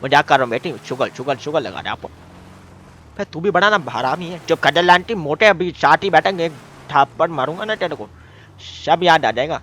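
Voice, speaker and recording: Loud, bossy, sharp-voiced man bantering in a game. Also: fairly high pitch, animated, moderate pace, a little hiss or hum. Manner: loud and bossy, teasing and shouting at friends. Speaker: gaming role-play streamer. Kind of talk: game role-play banter.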